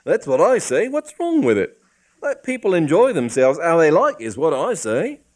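A man's voice: medium pitch, normal speed, a little mellow, pitched above the performer's own voice, natural voice. A man voicing a chummy working-class male police constable who talks in slangy, ungrammatical speech. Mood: indignant.

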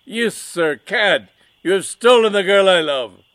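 Man voicing a loud, indignant conjurer villain, high and forceful. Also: expressive, a little slow, no room sound. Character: theatrical vengeful male magician, loud and pompous.

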